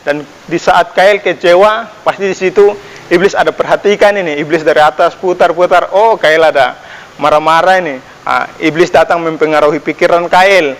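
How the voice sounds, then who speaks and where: A young man teaches a children's Sunday school lesson, talking to the kids like their older brother. His voice sits slightly high and lifts when he asks them questions. The sound carries a long reverb from a church hall. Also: normal speed. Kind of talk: children's sermon.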